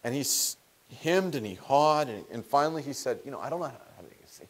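A middle-aged man lectures a small group in a meeting room, picked up from a distance. His pitch rises and falls a great deal as he tells stories. He talks casually and sometimes breaks off a word to start it again. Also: a little fast. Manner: conversational, animated, restarts mid-word. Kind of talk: storytelling seminar lecture.

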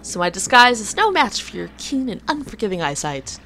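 A woman's voice: medium pitch, sing-song, fairly quick, bright, forceful tone, a little hiss or hum, voice pushed up, low-quality recording. A woman voicing a sly, theatrical male cat-man from a video game in a toned-down sleazy salesman manner. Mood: gleeful scheming. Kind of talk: reading video game dialogue in character.

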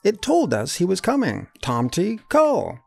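A man's voice: sits high, huge pitch swings, a little slow, vocal fry, faint music behind, voice pushed up, heavily acted. A man reading a storybook, voicing a fussy old grandfather rabbit who grumbles proudly. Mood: grumbling.

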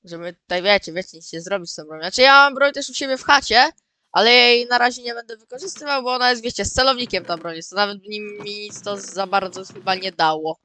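A man giving casual, excitable gameplay commentary as the host of his own channel, often repeating words and calling out to his viewers. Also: sits high, fast, clear, resonant tone, dry recording. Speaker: gaming video host.

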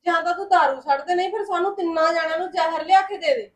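Punjabi sister begging her brother, coaxing tone, high voice played by a woman. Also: quick pace. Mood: pleading. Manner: pleading, coaxing. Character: pleading younger sister of a drunk man.

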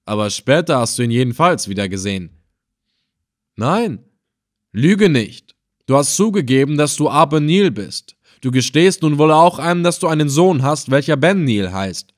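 A man voicing a cruel, scornful male slave trader in an audiobook, threatening and loud. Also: medium pitch, sing-song, normal speed, pauses often, close to an everyday voice. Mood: sneering. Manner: sneering, threatening. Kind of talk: audiobook character voice.

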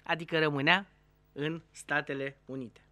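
A TV show host telling a string of jokes, animated, briefly putting on voices for the characters. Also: mid-range voice, no room sound.

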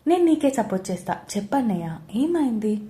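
A woman voicing Aparna, a calm, affectionate young mother who speaks in a gentle, placating, lightly joking way. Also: fairly high pitch, brisk.

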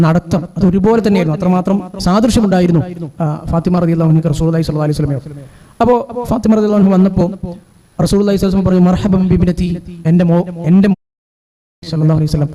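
A male religious lecturer talks at a brisk, rapid clip in a high voice, moving from recited Arabic passages into explanation. Behind him is the noise of a gathered crowd. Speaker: Islamic lecturer. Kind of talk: weekly religious lecture on the Prophet's life.

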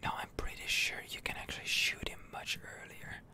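Whispering close to the microphone, a gamer delivers ASMR commentary on gameplay in a sharp tone, musing in a slow, hesitant way.

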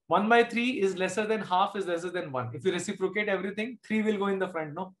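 Seated at a desk indoors, a middle-aged Indian-accented man runs an informal live maths lesson over screen-share video, asking brief questions to confirm students follow. He talks quickly in a high-pitched, fairly bright voice.

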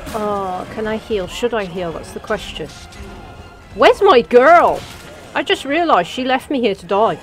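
A woman giving jokey, excitable let's play commentary, talking back to the game characters. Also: medium pitch, moderate pace, hardly any pauses, faint music behind. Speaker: gaming channel host.

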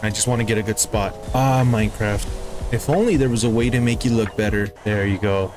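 A young man giving casual, excitable commentary as he plays a video game, talking to himself about what he sees. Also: lowish voice, fairly quick. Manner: chatty and excitable, talks to himself while playing. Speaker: gaming YouTuber. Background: game music.

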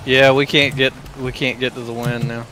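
A man playing a game with a friend, talking slowly, getting excited and laughing often. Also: medium pitch, noisy background. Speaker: co-player. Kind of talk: casual gameplay chat.

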